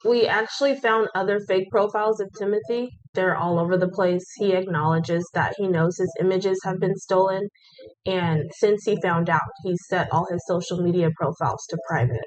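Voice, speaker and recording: A woman with a somewhat low voice lays out the facts plainly and steadily. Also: fairly even intonation, normal speed, poor audio. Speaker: scam investigator. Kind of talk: explanatory conversation.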